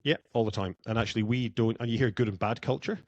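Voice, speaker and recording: A man's voice: medium pitch, fast talker, dry recording, lo-fi sound. A man from Scotland, a guest in a podcast interview, talking reflectively and repeating words as he thinks. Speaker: guest, culture consultant.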